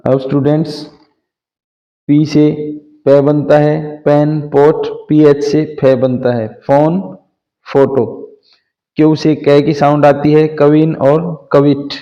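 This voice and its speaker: A man's voice: a little high, little pitch movement, takes it slowly, mellow. A man teaching English phonics, spelling out words letter by letter and sounding each part patiently. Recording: dull lo-fi sound.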